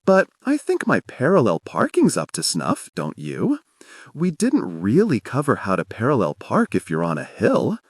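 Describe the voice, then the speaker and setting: A man's voice: mid-range voice, wildly swooping pitch, moderate pace, breathy edge, no room sound, studio quality. A man voicing an awkward, sheepish widower in an audiobook, speaking hesitantly and apologetically. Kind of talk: audiobook character voice.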